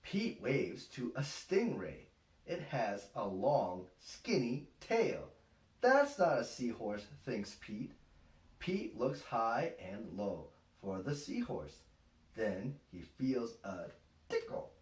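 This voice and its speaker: A father acting as storytime host reads a picture book aloud to young children, going super slow with a mid-range voice. His delivery is deliberate and expressive, using simple phrasing. He's indoors in a small room at home, and the home-camera audio sounds roomy and distant.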